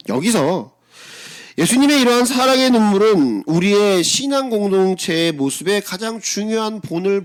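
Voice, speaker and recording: A middle-aged man, the senior pastor, giving a conversational sermon to his congregation, asking them rhetorical questions and acting out his own blunt replies in quick asides. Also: high voice.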